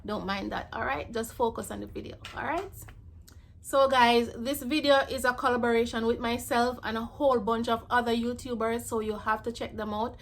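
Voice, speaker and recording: A woman's voice: on the high side, fairly even intonation, normal speed, slight background noise. A woman hosting her own home vlog, chatting casually to camera and calling her viewers "guys". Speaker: vlogger hosting her channel. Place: at home, setting up a brunch.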